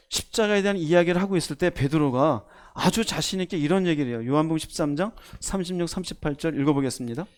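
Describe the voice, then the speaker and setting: High-voiced pastor preaching emphatically. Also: male voice, darkish tone, smooth. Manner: emphatic, asks the congregation questions, acts out voices. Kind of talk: sermon.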